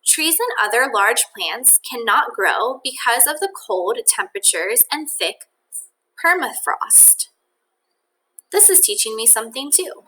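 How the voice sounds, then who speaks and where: With a fairly high-pitched voice, a teacher reads a nonfiction book for children in an expressive, careful manner, adding think-aloud comments for the kids. The recording is rough.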